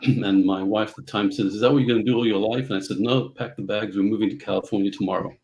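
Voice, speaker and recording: A middle-aged man from Central Africa, telling his story as a guest on a video call, halting with many fillers. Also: fairly low pitch, fairly even intonation, a little mellow, low-quality recording. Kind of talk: casual interview storytelling. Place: home office.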